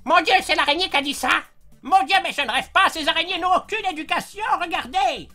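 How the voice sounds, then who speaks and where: A man voicing a cranky elderly woman who plays video games, prim in manner but quick to swear. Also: very high-pitched, pushed and bright, soft background music, exaggerated voice. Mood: indignant. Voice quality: prim old-lady voice turning crude. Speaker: parody youtuber. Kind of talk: comedic gameplay commentary.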